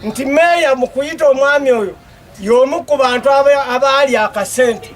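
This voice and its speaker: A man's voice: very high-pitched, normal speed, a faint crowd. A male news reporter delivering a voice-over with pointed rhetorical questions, sometimes raising his voice.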